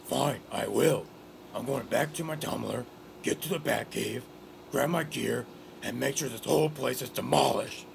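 A man voicing a gruff, boastful masked vigilante in a fan-made cartoon, blunt and brooding. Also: mid-range voice, normal speed, noisy background.

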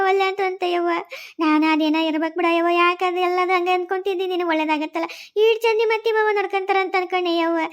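A woman's voice: fairly high pitch, a little mellow, pitched below the performer's own voice, natural voice. A woman voicing an older village mother with a North Karnataka Kannada accent, for a cartoon story. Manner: homely rural chatter, wailing laments. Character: older village mother, gentle, later grief-stricken.

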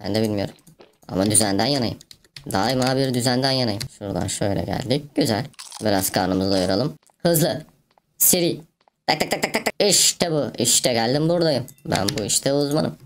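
A woman with a remarkably deep, low voice talks through a game for her viewers in a loose, joking style. She fills the gaps with mouthed tapping noises and quick asides. Faint keyboard clicks and a light hiss sit behind her. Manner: playful, chatty, makes mouth sound effects. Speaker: gaming video host. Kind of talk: let's play commentary.

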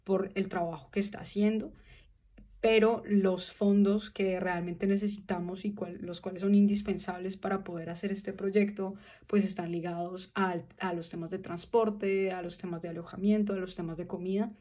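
A woman in her twenties with a Colombian Spanish accent, speaking to camera from a small room about her film project, earnest and thoughtful, with pauses and restarts. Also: mid-range voice, little pitch movement, warm tone. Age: 20s. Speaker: film student pitching her short film. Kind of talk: direct-to-camera appeal. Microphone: phone camera at arm's length.

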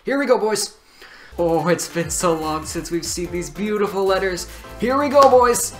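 A hyped-up young woman giving a live reaction to a game trailer, exclaiming excitedly and swearing freely. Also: medium pitch, normal speed. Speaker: reaction video creator. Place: small room at home. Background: game trailer music.

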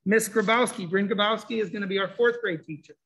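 High-pitched man talking through a face mask. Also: fast talker, a bit bright, poor audio. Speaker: school program supervisor hosting an information session. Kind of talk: informal presentation to families. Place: indoor school room, standing before a presentation screen.

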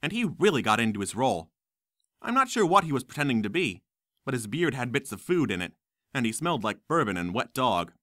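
A man reading a first-person audiobook in a wry, lively storytelling manner. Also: mid-range voice, brisk, dry recording, studio quality. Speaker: audiobook narrator.

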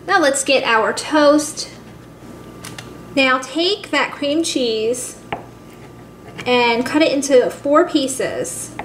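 This cooking host has a high-pitched, expressive voice, talks very slowly, and pauses often. She walks viewers, whom she chattily calls guys, through a simple recipe step by step, in an echoey space with faint background noise.

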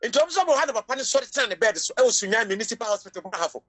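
A woman's voice: on the high side, lively intonation, racing. A woman preaching a sermon with a Ghanaian accent, emotional, at times crying out and slipping English phrases into her preaching. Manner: emotional, rising to cries and shouts, mixing English into Twi preaching.

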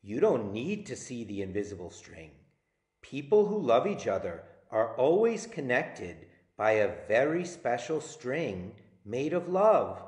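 Man reading as a gentle, reassuring storybook mom, unhurried. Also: mid-range voice, big pitch swings, reverberant. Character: gentle, reassuring mother of young twins. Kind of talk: storybook read-aloud.

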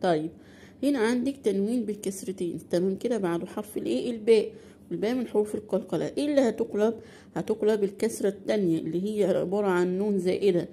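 A woman with an Egyptian accent teaching a beginner Quran recitation lesson, asking questions and answering them herself, and drawing out example words slowly. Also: mid-range voice, mellow, slight background noise. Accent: Egyptian Arabic.

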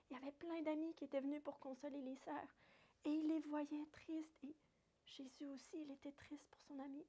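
A woman with a French accent, a Sunday school teacher retelling a Bible story for children with lively little acted quotes. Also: high-pitched.

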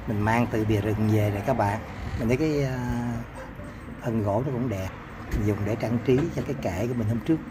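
A man vlogging outdoors as he walks through a garden, talking straight to his viewers in a chatty way. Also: lowish voice. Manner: chatty, addresses viewers directly. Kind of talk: casual vlog narration.

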